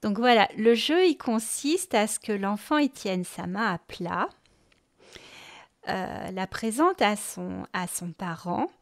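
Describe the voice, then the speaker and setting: A woman from France hosting a music lesson podcast for parents, explaining gently and singing short rhymes. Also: medium pitch, animated, slow pace. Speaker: music teacher and podcast host.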